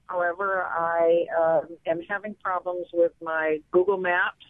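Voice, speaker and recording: A woman's voice: lowish voice, steady tone, a little slow, no room sound. A woman calling into a radio show over the phone, eager and self-deprecating as she asks for help. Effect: heard over a phone line. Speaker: caller. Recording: tinny, dry phone line.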